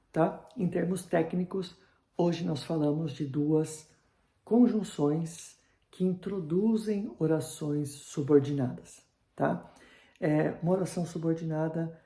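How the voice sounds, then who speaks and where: A man teaching a grammar lesson online, checking in constantly with his viewers and slowing right down to spell out example sentences. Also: on the high side, mellow, echoey room. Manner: checks in with "tá?" after nearly every phrase, slows down for examples. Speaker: German teacher.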